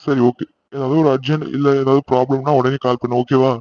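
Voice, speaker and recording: A man playing a fast-talking teasing young husband. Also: mid-range voice, little pitch movement, a little mellow, lo-fi sound, natural voice. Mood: businesslike. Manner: brisk, bantering, scolding in jest. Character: teasing young married man running an office. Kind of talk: cartoon voice acting.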